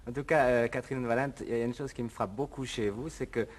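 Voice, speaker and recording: A man's voice: medium pitch, fairly even intonation, quick pace. A man presenting and interviewing in a wry, teasing, polished broadcast manner. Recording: 1950s broadcast recording with clear hiss.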